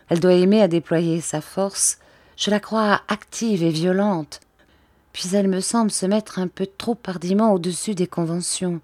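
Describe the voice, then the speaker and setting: A woman reading a gentle pensive countess. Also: lowish voice, no room sound. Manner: soft, measured, reflective.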